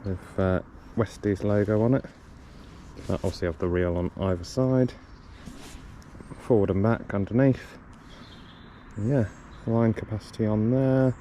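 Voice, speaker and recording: A man's voice: fairly low pitch, a little slow, pauses often. A man vlogging outdoors by the water, casually talking through his fishing gear with lots of ums, and coughing now and then. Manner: relaxed, rambling, lots of ums and self-corrections. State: coughing a lot. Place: outdoors on a riverbank. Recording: outdoor recording with clear background noise.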